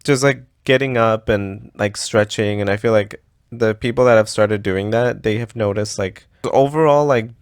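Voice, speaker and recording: A man's voice: fairly low pitch, moderate pace, smooth, dry recording, clean studio sound. A man in his thirties from the US co-hosting a podcast, chatting in an easygoing way and laughing easily. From United States. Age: 30s. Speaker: podcast co-host. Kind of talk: casual chat.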